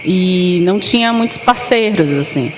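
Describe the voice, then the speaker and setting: A woman's voice: on the low side, lively intonation, normal speed. A woman dancer and festival organizer speaking on a panel, earnestly recounting her experience. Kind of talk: panel discussion. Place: arts center stage. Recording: reverberant hall with faint noise.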